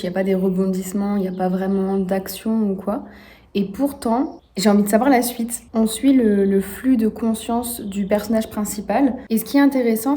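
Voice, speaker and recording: A woman in her twenties chatting casually in a vlog, sounding out foreign words slowly as she learns them. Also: medium pitch, dark tone. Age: 20s. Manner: tries out foreign words slowly, sometimes under her breath. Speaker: vlogger learning a language.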